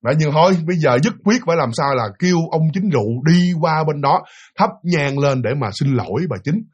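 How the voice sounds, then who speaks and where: Fast-talking southern Vietnamese storyteller man. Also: a little high, expressive, husky, highs cut off. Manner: chatty, addresses listeners directly. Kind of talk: casual spoken ghost story.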